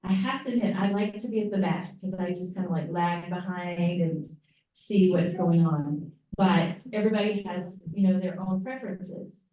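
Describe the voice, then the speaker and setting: A woman's voice: fairly low pitch, normal speed. A woman with a Southern accent leading a group trip meeting in a chatty, rambling way. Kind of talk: casual group meeting talk. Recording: echoey dull room audio from far off.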